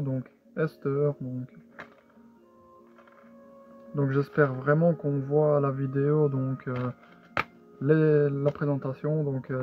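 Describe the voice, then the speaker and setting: A man casually showing his purchases in a haul video, talking hesitantly with many fillers and restarts. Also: fairly high pitch. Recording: tinny lo-fi sound with faint music.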